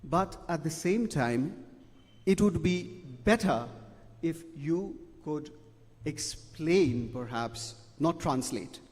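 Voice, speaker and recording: A man's voice: on the high side, animated, slow, darkish tone. A middle-aged man, giving emphatic, repetitive feedback as a debate judge and ending his points with "okay?". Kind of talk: spoken feedback to students. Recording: long hall reverb.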